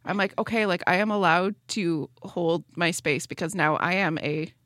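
A woman's voice: fairly low pitch, normal speed, fairly bright tone, no room sound, clean studio sound. A woman in her mid thirties co-hosting a podcast, talking in an earnest, rambling, self-deprecating way. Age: 30s. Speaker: podcast co-host. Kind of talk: casual chat. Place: studio.

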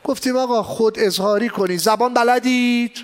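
Guy with a really high voice giving a lively seminar talk, lots of rhetorical questions, throws in english phrases. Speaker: export trainer. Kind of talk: seminar lecture. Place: exhibition hall.

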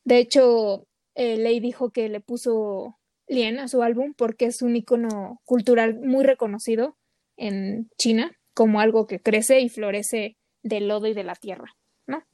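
A woman's voice: fairly high pitch, steady tone, a little slow, mellow, no echo. A woman co-hosting a casual podcast chat, talking with lots of fillers. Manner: chatty, many fillers. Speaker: podcast co-host.

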